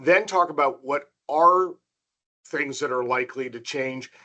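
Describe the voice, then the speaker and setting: Bright-voiced American man presenting analysis. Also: medium pitch, measured pace. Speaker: panelist, political analyst. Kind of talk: informal presentation. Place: online video meeting.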